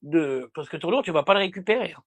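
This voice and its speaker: A man's voice: fairly high pitch, expressive, fast talker, husky. A man livestreaming a heated, insulting rant aimed directly at a rival, repeating himself often.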